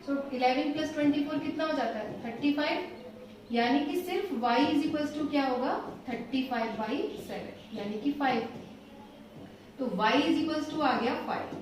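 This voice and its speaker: High-voiced woman teaching math, echoey. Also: slight background noise. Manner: patient, reassuring, slows down while writing. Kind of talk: explaining math solutions step by step. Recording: echoey room, voice from a distance.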